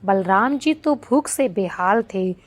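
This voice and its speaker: A woman narrating a devotional story in an expressive reading voice. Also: mid-range voice, slow.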